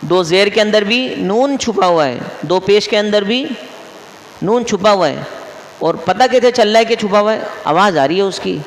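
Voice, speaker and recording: Man, mufti, classroom lesson, quizzes and repeats rules, gravelly, roomy echo. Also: high voice, animated. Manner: quizzes listeners, repeats each rule. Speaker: mufti teaching Quran recitation rules. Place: mosque hall. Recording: echoey hall with long reverb.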